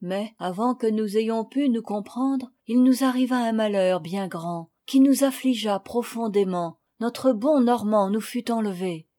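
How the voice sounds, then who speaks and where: A woman reading a children's novel aloud, with calm, measured storytelling that rises in dramatic moments. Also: a little high. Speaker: audiobook reader. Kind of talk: scripted narration.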